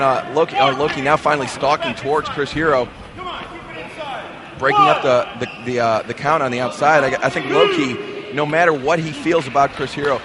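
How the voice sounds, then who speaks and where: A man doing live play-by-play wrestling commentary, excitedly calling moves with exclamations and repetition. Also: mid-range voice. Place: wrestling event in an armory. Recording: loud crowd noise, echoing sports venue ambience. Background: loud crowd and venue noise.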